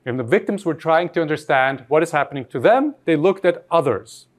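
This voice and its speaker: A man's voice: a little high, lively intonation, brisk. A man from Austria giving an academic lecture, reflective and posing rhetorical questions to his audience.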